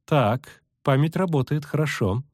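A male reader voicing a calm, patient elven sorceress who speaks crisply and in command. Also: a little high, unhurried, no echo, studio quality, pitched above the performer's own voice.

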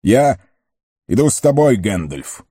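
A man's voice: mid-range voice, sing-song, a little slow, mellow, no echo, studio quality, voice pushed up. A man voicing a fervent, stubborn male dwarf who declaims with fire.

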